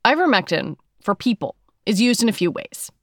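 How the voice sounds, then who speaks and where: A woman's voice: mid-range voice, big pitch swings, normal speed, no room sound, clean studio sound. A woman with an American accent hosting a podcast, moving between scripted narration and interview questions. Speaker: podcast host.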